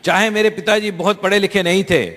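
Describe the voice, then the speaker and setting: A man's voice: sits high, steady tone, brisk, a bit bright. A man interpreting a speech live, fluent and conversational, with small restarts. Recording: long hall reverb.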